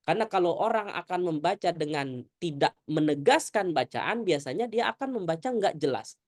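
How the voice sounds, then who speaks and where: A woman teaching Quran recitation in an online lesson over a video call, animated, often asking whether students understand and reciting Arabic slowly. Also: on the low side, dry recording, studio quality.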